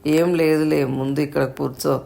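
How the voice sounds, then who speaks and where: A woman voicing a strong-willed, pampered young daughter in a read-aloud story, sulky and teasing, with a flat, creaky voice. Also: low-pitched, moderate pace. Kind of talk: storybook narration.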